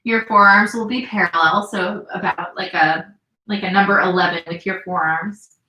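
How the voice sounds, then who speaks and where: A young woman teaching a yin yoga class from home, giving slow, soothing instructions with gentle pauses. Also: lowish voice, fairly even intonation. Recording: roomy echo.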